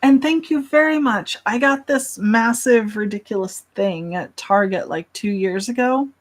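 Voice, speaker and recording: A woman's voice: on the high side, a little slow. A young woman hosting a casual livestream, chatting and answering questions from chat in a self-deprecating way.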